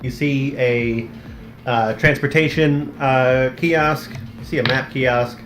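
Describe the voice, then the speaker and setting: A man's voice: medium pitch, steady tone, takes it slowly, a bit bright. A man acting as game master, narrating a tabletop game in a casual, improvised way. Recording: roomy echo, faint music behind.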